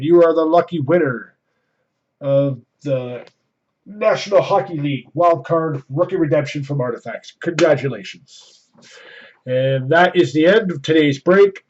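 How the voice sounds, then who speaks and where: A man hosting a card break with casual live commentary, announcing items in an enthusiastic, drawn-out way. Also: on the high side, a little mellow. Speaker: host of hockey card box breaks. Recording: dull, lo-fi microphone.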